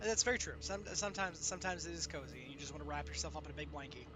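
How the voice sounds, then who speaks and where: A man's voice: on the high side, racing. A man hosting a livestream, chatting casually and animatedly with his viewers. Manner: animated, exclaiming when greeting viewers. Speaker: streamer host.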